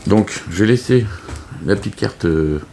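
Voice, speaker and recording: A man's voice: on the low side, expressive, unhurried, creaky, dark tone, slight background noise. A man casually explaining a board game setup, hesitant with many fillers and restarts. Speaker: board game video host. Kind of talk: casual unscripted game tutorial.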